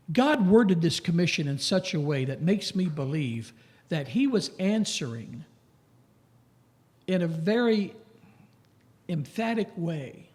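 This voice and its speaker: Guy preaching in church, kinda high voice, takes it slow and emphatic, builds up on the questions. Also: a little mellow. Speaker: pastor. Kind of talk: sermon.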